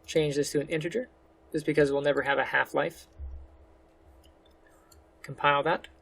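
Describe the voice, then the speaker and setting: A man hosting a casual screen-recorded game development tutorial, his voice gravelly and pitched a touch high. He speaks relaxed and a little slurred, talking through each click with easy fillers. He sounds close to a desktop mic. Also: normal speed. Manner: relaxed, slightly slurred speech; talks through each step with fillers like "go ahead".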